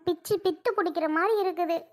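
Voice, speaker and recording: A woman's voice: very high voice, quick pace. A woman voicing a confused, fretful young mother who has lost her memory, complaining and bewildered. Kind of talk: cartoon voice acting.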